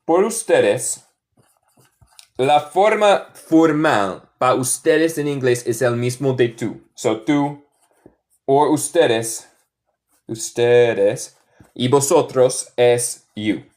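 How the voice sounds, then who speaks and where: A young American man teaching English live in Spanish. He speaks slowly and patiently, mixing both languages and praising students as he sounds out each word. His voice sits at an ordinary middle pitch. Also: a little mellow. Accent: American, speaking Spanish as a learner. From northern United States. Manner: patient, encouraging, switches between Spanish and English, models words slowly. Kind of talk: live-streamed language class.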